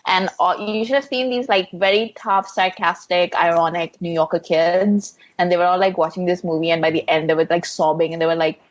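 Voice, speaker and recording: A woman's voice: on the low side, fairly even intonation, brisk, few pauses, muffled recording. A woman co-hosting a podcast in casual chat, talking freely with lots of "like" fillers. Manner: chatty, heavy use of "like" fillers. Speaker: podcast co-host.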